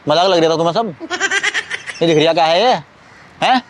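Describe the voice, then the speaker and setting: A bullying street thug, played by a man, all boasts and rough threats. He talks fast in a fairly high register. Faint traffic hums behind him outdoors. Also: lightly acted. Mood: menacing. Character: swaggering small-time male street thug.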